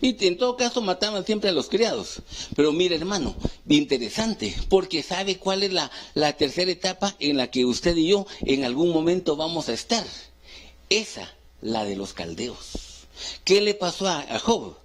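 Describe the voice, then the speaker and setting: A man preaching a sermon as pastor, asking the congregation questions and answering them himself, swinging between loud rising calls and hushed low phrases. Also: sing-song, moderate pace. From Guatemala. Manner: call-and-response questions to the congregation.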